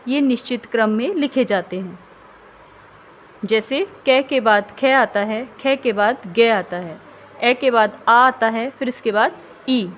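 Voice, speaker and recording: A woman with a fairly high voice narrates a tutoring lesson in a steady, scripted way. She slows right down to stretch out each example word, and a faint hiss of background noise sits behind her. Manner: slow, carefully drawn-out example words.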